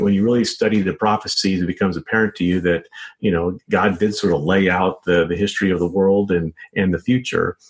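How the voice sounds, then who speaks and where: Heard on a low-quality recording, this deep-voiced man, middle-aged or older, is a journalist and author being interviewed. His replies are casual and stop-start, full of repeated words and "you know."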